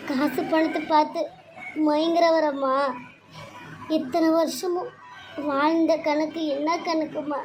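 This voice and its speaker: A woman's voice: high-pitched, fairly even intonation, takes it slowly, long pauses, a little mellow, a little hiss or hum. A woman voicing a betrayed young wife in a cartoon serial, grieving and bitter. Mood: tearful. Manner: grieving, pleading, then bitter. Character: young wife, betrayed and tearful, turning vengeful. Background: music.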